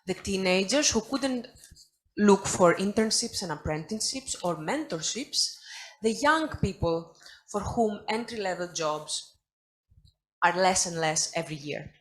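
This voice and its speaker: A young woman delivers a prepared conference talk, moving briskly through her points at an ordinary middle pitch. She drops in wry asides along the way. It sounds like she is speaking over a video call. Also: expressive, poor audio. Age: young adult. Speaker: panelist.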